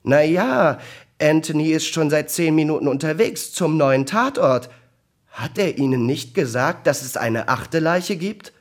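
A man's voice: fairly high pitch, animated, a little slow, pitched above the performer's own voice. A man voicing an amused, incredulous male police chief.

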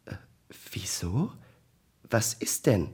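Snippy young lady detective, higher and sharper, a guy reading her lines. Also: sing-song, slow, dark tone, breathy edge, heavily acted. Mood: irritated. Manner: snappish, indignant.

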